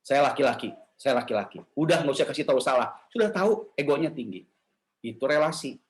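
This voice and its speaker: A man giving a lively, casual sermon to a women's church gathering, asking the audience questions and slipping into quoted voices. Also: medium pitch, a little fast. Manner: animated, jumps into playful quoted voices and asks the audience questions; casual slangy talk mixed with formal preaching.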